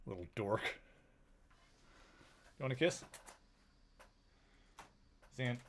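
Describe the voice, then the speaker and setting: A man's voice: mid-range voice, animated, extremely slow, a little hiss or hum. Rambling male game streamer. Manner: rambling and affectionate, cooing to his pets in a baby voice. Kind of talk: casual chat while live streaming.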